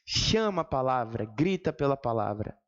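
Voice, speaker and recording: A man's voice: medium pitch, sing-song, normal speed. A male Brazilian Portuguese teacher explains exam questions to his students, often pointing things out with "ó" and drawing out syllables to show where the stress falls. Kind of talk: exam-prep lesson explanation. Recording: reverberant room, dull lo-fi sound.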